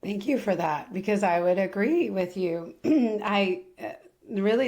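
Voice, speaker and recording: A woman coaching host on a podcast, talking with bright enthusiasm and giggling. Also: medium pitch. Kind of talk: casual podcast chat.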